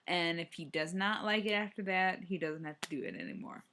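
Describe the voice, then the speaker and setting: A woman's voice: on the low side, a little fast, pushed and bright, a little hiss or hum. A young adult woman chatting casually on a solo running vlog, rambling and hesitant, often restarting her sentences. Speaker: running vlogger.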